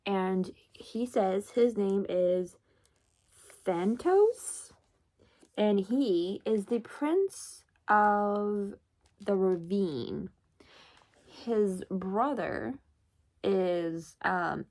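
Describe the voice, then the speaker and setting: A woman's voice: medium pitch, very slow, a little mellow. Woman, book vlogger, loose chatty recap delivery, casual and profane. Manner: chatty, lots of fillers, swears freely.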